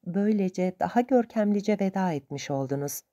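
A woman voicing a greedy, sharp-tongued male boatman who answers back in quick, defiant retorts. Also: medium pitch, expressive, muffled recording, voice pushed up, natural voice. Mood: grumbling.

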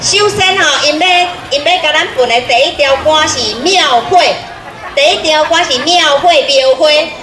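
High-voiced Taiwanese woman hosting on stage. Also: normal speed. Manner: folksy, calling out to the audience with repeated urgings. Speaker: event host. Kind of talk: live stage announcing in Taiwanese Hokkien. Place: outdoor community stage. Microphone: handheld microphone through PA speakers. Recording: echoey outdoor PA with crowd noise. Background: crowd noise.

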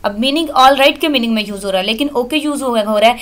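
A woman teaching English in a recorded lecture. She reads English text slowly, explains it patiently, and mixes English into her speech. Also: fairly high pitch, fairly bright tone. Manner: addresses students as children, switches often into English.

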